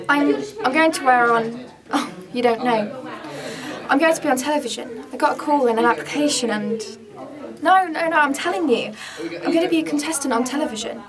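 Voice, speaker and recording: Lady reading as a mom who's sure she's gonna be famous, high bright voice, people chattering behind. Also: fairly quick, crowd noise, close to an everyday voice. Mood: proud, excited. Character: excited middle-aged mother dreaming of fame. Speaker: auditioning actress. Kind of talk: audition reading.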